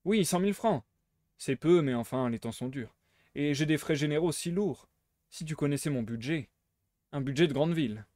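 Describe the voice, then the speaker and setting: A man voicing a suave, teasing gentleman thief while reading a novel aloud. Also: a little high, animated, moderate pace, no room sound, studio quality, natural voice. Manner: playful, teasing, smugly theatrical.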